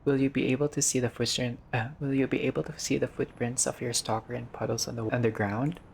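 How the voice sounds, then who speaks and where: Reading visual novel text out loud in a fast, flat voice of medium pitch, a gamer plays casually, dropping in informal remarks, some swearing and the odd stumble. The audio is clearly noisy.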